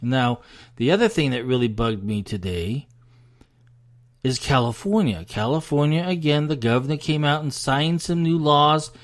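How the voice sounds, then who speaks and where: A man's voice: fairly high pitch, normal speed. An American man hosting a solo political commentary, ranting in an emphatic, frustrated way and sounding out of breath. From United States.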